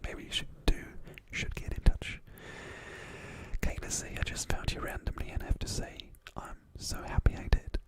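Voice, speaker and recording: At home in a room, an ASMR livestream host reads viewer messages aloud, whispering softly and rambling in a relaxed way. The pace is normal, and the recording sounds rough.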